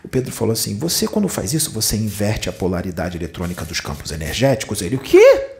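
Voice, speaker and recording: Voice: sits low, animated, fast talker, vocal fry. A spiritist lecturer with a Brazilian Portuguese accent, telling a story in a conversational way and acting out the dialogue in different voices.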